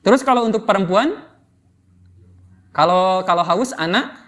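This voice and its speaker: A man with an Indonesian accent teaches Arabic grammar in a relaxed, interactive lesson, explaining points and quizzing his students. His voice is high and a bit bright, with lively intonation and a moderate pace.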